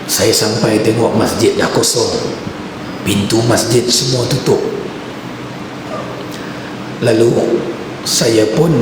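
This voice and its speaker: Echoey male preacher telling a story. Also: fairly low pitch. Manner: conversational anecdotal storytelling. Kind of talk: religious lecture storytelling. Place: mosque hall. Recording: echoey mosque hall with background noise.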